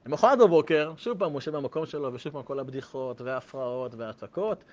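A man telling a story to listeners in a lively, animated way, in a dull lo-fi recording. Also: mid-range voice. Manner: lively, acts out voices.

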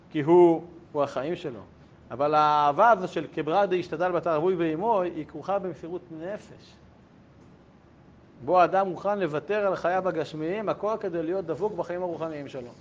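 In a yeshiva classroom, a rabbi gives a Torah lesson built around a story he tells, keeping it lively with jokes and questions for his students. The audio is lo-fi and dull, with a faint rumble underneath.

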